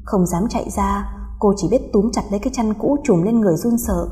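A woman narrating an audiobook story in an even storytelling delivery. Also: medium pitch, brisk, faint music behind.

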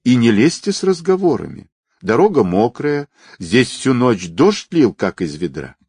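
A man's voice: mid-range voice, big pitch swings, unhurried, a little mellow, slightly rough, dry recording, voice pushed up, full character voice. A man doing a curt, unflappable young man. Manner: curt, offhand.

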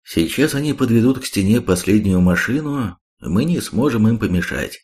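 A man reading the part of a calm, sad, resigned male war chief in an audiobook. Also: on the low side, moderate pace.

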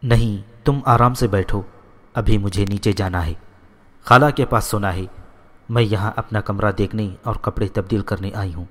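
Man reading a gentle young lady, low voice, echoey. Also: steady tone, close to an everyday voice. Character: gentle young woman of the house.

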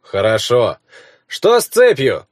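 Gruff middle-aged baron, male reader, curt commands, lively pitch, dry audiobook sound. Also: takes it slowly, dry recording. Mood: commanding.

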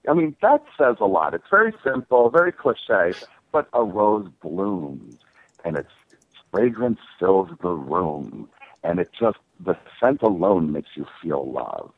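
A man with an announcer-like voice and clear diction, talking conversationally as a singer being interviewed. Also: deep voice, big pitch swings, measured pace, dry recording. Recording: narrow phone-like line.

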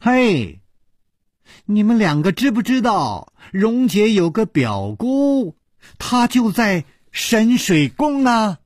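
A man voicing a lively, teasing young girl who talks loudly and quickly. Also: dry recording, clean studio sound, heavily acted. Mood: teasing, excited. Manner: loud, quick, high-pitched.

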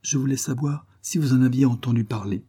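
A man's voice: mid-range voice, a little fast, warm tone, slightly rough, pitched above the performer's own voice, close to an everyday voice. A man voicing a timid, fussy old clerk who talks in apologetic, roundabout circles in a storybook reading.

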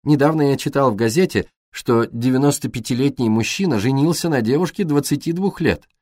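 A man's voice: medium pitch, brisk, a little mellow, dry recording, clean studio sound, pitched above the performer's own voice, natural voice. A man voicing a cheeky, chatty young boy in an audiobook. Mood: brash.

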